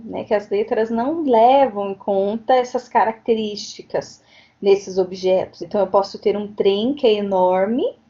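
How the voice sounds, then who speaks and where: Woman, higher-pitched, explains patiently to teachers over a video call mic, muffled lo-fi audio. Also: mellow. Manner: explanatory, frequent tag questions. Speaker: teacher educator. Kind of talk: online lecture. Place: home, virtual meeting. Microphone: computer mic on a video call. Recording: dull lo-fi online recording.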